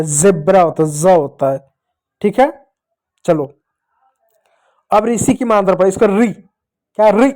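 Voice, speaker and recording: Male teacher, mellow voice, drills letter sounds slowly for young learners, asks and answers his own questions. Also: sits high. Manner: slow, drawn-out pronunciation drills with repeated checks. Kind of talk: children's Hindi reading lesson.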